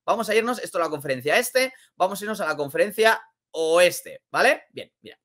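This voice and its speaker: A man with a Spain Spanish accent giving casual basketball commentary, energetic and exclamatory, repeating phrases for emphasis. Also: high voice, fairly quick. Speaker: basketball vlogger.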